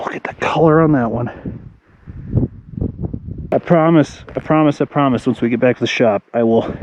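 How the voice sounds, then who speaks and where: A man vlogging outdoors while hiking fast at dusk, chatty and enthusiastic, short of breath and laughing often. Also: mid-range voice, a little mellow, slight background noise. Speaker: rock hunting vlogger. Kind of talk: casual vlog narration while hiking. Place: outdoors at dusk on a rocky hillside. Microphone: action camera and phone.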